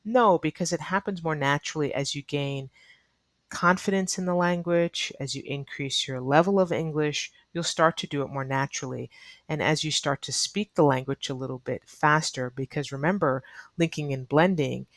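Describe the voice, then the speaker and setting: Speaking at a moderate pace in a low-sitting voice, an ESL teacher with a neutral American accent earnestly walks learners through an online English lesson. She repeats important advice to drive it home, and there's no room sound.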